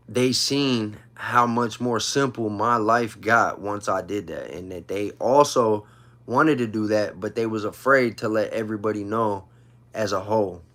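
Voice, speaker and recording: A man in his thirties hosts a casual livestream, sharing personal stories in informal street slang and repeating himself for emphasis. His voice is lowish and a bit bright.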